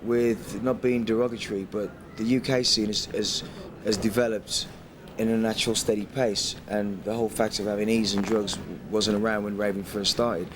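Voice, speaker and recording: A guest DJ from England, his voice on the low side, talks at a moderate pace with flat delivery and hardly any pauses. He rambles, swears, and laughs a lot during a casual airport interview recorded noisily on location.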